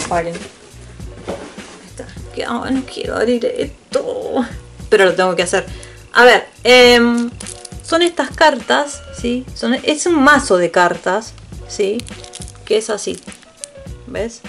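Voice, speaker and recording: A woman's voice: a little high, expressive, takes it slowly, long pauses, fairly bright tone, soft background music. A woman with an Argentine Spanish accent chatting casually and rambling through an unboxing, swearing offhandedly and often laughing. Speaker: vlogger.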